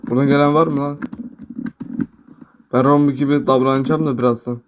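Excitable young man cursing at a game. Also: mid-range voice, a little fast, narrow, tinny audio, noisy background. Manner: excitable, mutters and swears at the game. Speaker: gamer. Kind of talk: live gameplay commentary.

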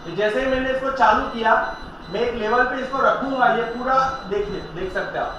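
This tool shop owner shows off a laser leveler in a relaxed product demo, explaining step by step and telling viewers to look. His voice is very high, pushed and bright, and a little fast. Another person filmed him with a handheld camera inside a small room full of shelves, where the sound echoes and comes across slightly dull with faint noise.

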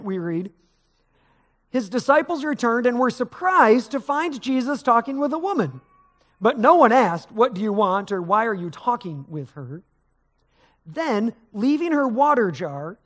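This middle-aged pastor's voice is very high and a bit bright. Preaching in a large sanctuary, he keeps a conversational tone that climbs with emphasis, moving back and forth on the stage and gesturing as he goes.

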